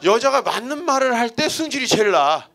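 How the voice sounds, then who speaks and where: A man in his forties preaches a humorous storytelling sermon from the pulpit, his voice pitched high and swinging widely up and down. The tone is bright and forward, and he keeps teasing the congregation with rhetorical questions. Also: very animated, brisk. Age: 40s. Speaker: guest pastor. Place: church sanctuary.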